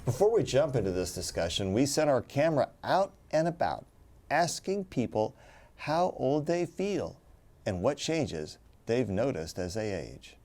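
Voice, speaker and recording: A man's voice: medium pitch, big pitch swings, unhurried, a little mellow. A man in his sixties hosting a health talk show in a chatty way, with jokey asides. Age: 60s. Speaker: host.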